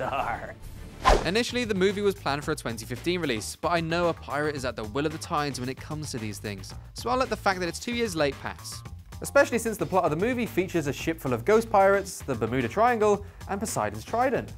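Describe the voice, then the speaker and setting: A man's voice: fairly high pitch, big pitch swings, quick pace, soft background music. A man presenting a scripted film preview with enthusiastic, self-mocking humour. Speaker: co-host.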